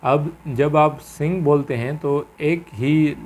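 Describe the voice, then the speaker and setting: A man teaching a grammar lecture, halting and full of fillers, mixing English terms into his Hindi. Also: fairly high pitch, steady tone, darkish tone, a little hiss or hum. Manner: halting, many fillers and repeated phrases; mixes English terms into Urdu-flavoured Hindi.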